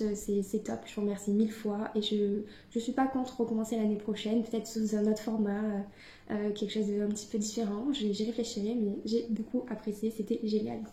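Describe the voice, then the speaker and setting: A woman's voice: medium pitch, mellow. A young woman book vlogger chatting casually to camera at home, hesitant with many fillers and restarts. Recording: echoey room.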